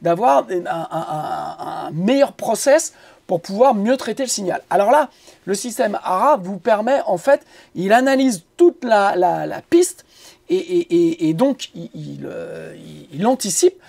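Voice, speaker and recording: Male producer host, mellow tone, halting casual tutorial delivery full of fillers. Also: sits high, expressive, vocal fry. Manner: rambling, halting with many fillers and repeated words; joking asides. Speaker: music producer teaching audio mixing.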